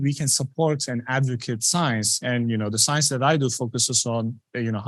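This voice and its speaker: A man in his thirties from Turkey, giving an earnest public science talk in a conversational way, filling pauses with "you know". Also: mid-range voice, dry recording. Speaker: scientist presenting research.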